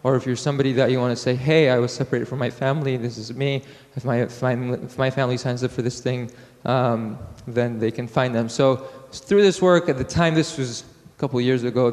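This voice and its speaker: A man from Iraq giving a technical conference talk, halting with fillers and restarts. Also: mid-range voice, a little mellow. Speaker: conference speaker. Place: conference hall. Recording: hall with long reverb.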